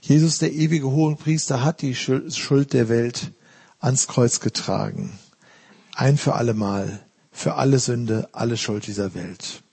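A man's voice: mid-range voice, unhurried, gravelly, a little mellow, husky. A man preaching a sermon in an earnest way, mixing plain teaching with casual everyday asides. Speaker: pastor.

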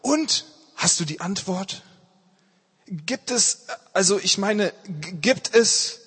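A man voicing an excitable orator who addresses a crowd with loud, declaiming enthusiasm in a storybook reading. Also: high voice, measured pace, breathy edge, in a large hall, pitched above the performer's own voice, full character voice. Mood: impatient, eager. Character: excitable male crowd orator, rousing and eager.

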